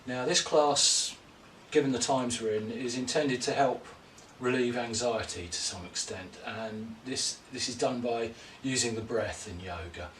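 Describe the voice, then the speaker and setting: Gentle male yoga teacher in a roomy space. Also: mid-range voice, a little hiss or hum. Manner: slow, gentle, calm cueing of breath and poses. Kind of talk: guided yoga class instruction. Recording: roomy echo, distant mic, faint ambience.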